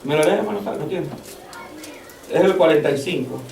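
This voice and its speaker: A male pastor preaching a fervent sermon in a church, often raising his voice to a shout. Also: fairly high pitch, lively intonation, normal speed, vocal fry. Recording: echoey church from far off, faint noise.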